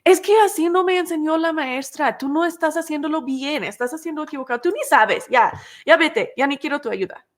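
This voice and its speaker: A woman acting out a frustrated young daughter who yells at her mother and refuses her help. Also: high voice, brisk, voice pushed up, close to an everyday voice. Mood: angry. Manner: shouting, dismissive.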